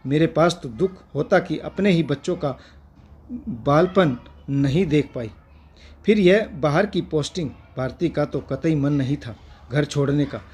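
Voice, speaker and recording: Husky male storyteller. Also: on the high side, unhurried. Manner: steady, earnest storytelling. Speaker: storyteller and channel host. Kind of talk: narrating a family story.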